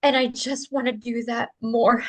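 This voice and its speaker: A woman with a slightly high voice speaks as a guest in a conversation and tells a personal story. She is earnest and open, with easy little laughs and casual fillers between her thoughts. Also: little pitch movement, moderate pace, fairly bright tone. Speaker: interview guest, spiritual practitioner.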